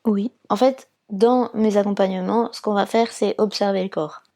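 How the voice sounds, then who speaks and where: A woman's voice: medium pitch, steady tone, moderate pace, dark tone. A woman from France, a fertility awareness counsellor, explaining her work patiently step by step in an interview, with frequent fillers.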